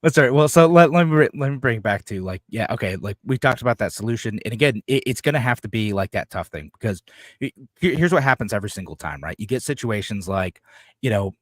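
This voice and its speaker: A man's voice: medium pitch, lively intonation, quick pace, no echo. A man co-hosting a podcast, talking politics casually with many fillers and restarts, and acting out quotes now and then. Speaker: podcast co-host.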